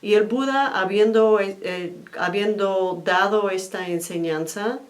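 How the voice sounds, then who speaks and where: A woman's voice: mid-range voice, a little slow. A woman telling a story and explaining it, hesitant, with many fillers and restarts. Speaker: storyteller and teacher. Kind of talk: spoken storytelling with commentary.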